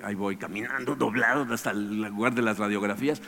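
A man tells a personal story to an audience in a large hall. He is animated, keeps tagging phrases with "¿no?" and chuckles often. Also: on the low side, brisk. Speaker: speaker telling a personal story. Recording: long hall reverb.

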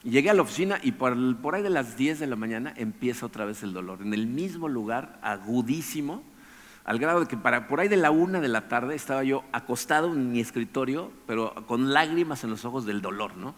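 Brisk man telling a story. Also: mid-range voice. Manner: animated, tags phrases with "¿no?", chuckles often. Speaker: speaker telling a personal story. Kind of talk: anecdotal storytelling to an audience. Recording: long hall reverb.

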